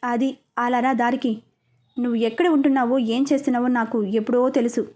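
A woman voices a sneering middle-aged male political broker in a spoken audio story. He taunts sarcastically and sounds quietly menacing, in a high, mellow voice. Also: steady tone, brisk, lightly acted. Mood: leering.

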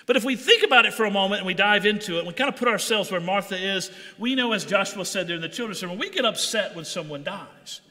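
A man's voice: high voice, animated, fast talker, few pauses, bright, forceful tone, big-room sound. A man preaching a sermon, reading scripture aloud and then explaining it with rising intensity. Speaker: pastor. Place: church sanctuary.

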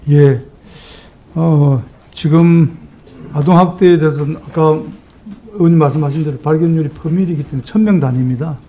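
A man, a government minister, giving measured and somewhat hesitant answers at a hearing. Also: on the high side, highs cut off. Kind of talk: formal testimony.

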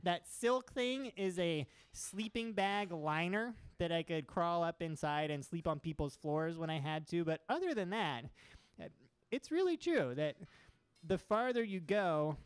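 An enthusiastic young guest speaker from Oregon presents slides to a seated audience packed into a small room, mic in hand and free hand gesturing. His high voice is clear and resonant, with lively intonation at a measured pace, and there's no room sound.

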